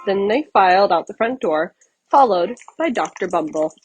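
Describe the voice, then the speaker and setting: A woman reads a picture book aloud with very expressive, varied intonation. Her voice has a husky grain, and faint music plays behind her. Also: medium pitch, moderate pace, rough recording. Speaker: children's story reader.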